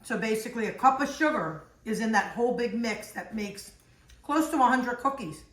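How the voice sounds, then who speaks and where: A woman's voice: fairly high pitch, lively intonation, normal speed, a bit bright, reverberant. A woman casually showing a cookie recipe in her home kitchen, chatting and explaining each step as she goes. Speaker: home cook demonstrating recipes.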